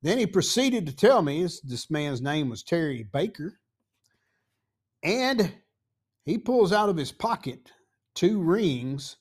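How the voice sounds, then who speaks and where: A man in his sixties or older with a Tennessee accent, a podcast host telling a rambling, folksy story full of pauses and asides. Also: a little high, very animated, slightly rough. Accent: Southern US, Tennessee. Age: 60s or older. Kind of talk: casual storytelling.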